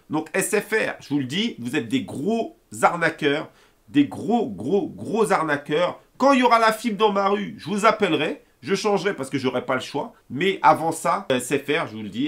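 A man's voice: high-pitched, a bit bright. Heated young man ranting to camera. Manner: fast, heated, swearing, retells phone calls. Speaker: gaming YouTuber ranting to viewers. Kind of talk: angry casual rant to camera.

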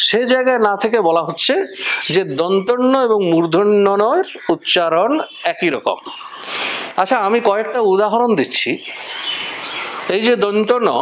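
A man explaining the letters and their sounds in a measured, step-by-step spoken lesson, listing examples one by one. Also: high-pitched, background noise. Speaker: teacher of Bengali script.

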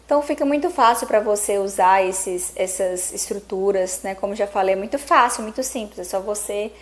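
A woman giving a casual online English lesson, chatting and spelling out English examples slowly and with emphasis. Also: medium pitch. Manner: chatty, frequent tag questions, slow emphatic English examples. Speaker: English teacher.

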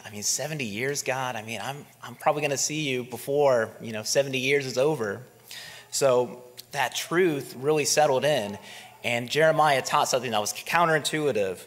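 In a church sanctuary, a pastor in his thirties preaches from a wooden pulpit into a pulpit microphone, speaking conversationally and asking his listeners rhetorical questions. His medium-pitched, fairly bright voice moves at a moderate pace, carried by the long reverb of the church hall.

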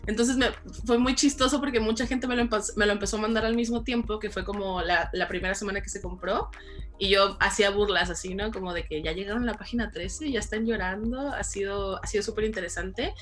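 A woman author answering interview questions in an earnest, animated way, laughing easily as she talks. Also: mid-range voice, brisk, faint music behind. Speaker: author guest.

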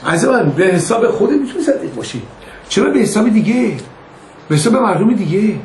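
Older rabbi teaching in an echoey room. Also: male voice, high voice, big pitch swings, a little mellow. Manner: conversational, anecdotal, acts out quoted dialogue. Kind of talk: informal religious lesson. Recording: echoey room with faint noise.

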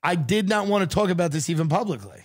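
A man with a slightly high voice scolds his producer on a podcast. He stammers and restarts as he lectures. He mimics other people in mocking voices. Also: expressive, quick pace. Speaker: podcast host. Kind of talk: casual chat.

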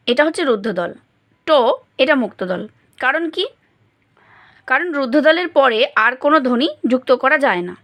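A woman with a light, high, slightly bright voice gives schoolchildren a grammar lesson. She explains things patiently and step by step, sounding out words syllable by syllable.

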